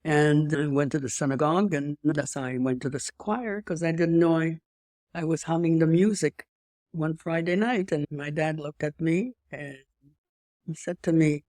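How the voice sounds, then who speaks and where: A woman in her eighties whose voice sits low and a little mellow speaks at a moderate pace, with no echo. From Europe and slightly French-accented, she shares her life story in conversation as an interview guest, rambling, restarting, and making emphatic asides.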